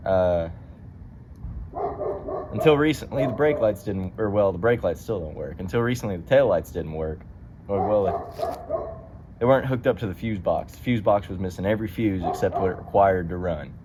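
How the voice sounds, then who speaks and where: A low-voiced vlogger rambles casually to camera about his vehicle in and around a truck, animated at a moderate pace and pausing often. His phrasing is folksy and colloquial, full of "ain't" and "them." Dull lo-fi audio carries vehicle noise along with car and outdoor ambience.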